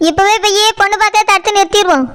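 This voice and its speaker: A stern, outspoken village woman in a cartoon, voiced by a woman, scolding in a Tirunelveli accent with a very high, piercing voice. Her lines are indignant and firm. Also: steady tone, rapid-fire, a bit bright. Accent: Tirunelveli Tamil. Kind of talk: cartoon voice acting.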